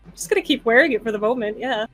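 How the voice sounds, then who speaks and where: A woman's voice: a little high, rapid-fire. A young woman chatting casually as a player in an online tabletop roleplaying game. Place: room at home, on a group video call. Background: music.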